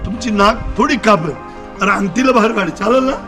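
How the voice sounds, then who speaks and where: A man's voice: sits high, brisk. A man doing street magic patter outdoors, chatty and showy, coaxing and joking with the onlookers. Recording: loud background music over outdoor audio. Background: loud music.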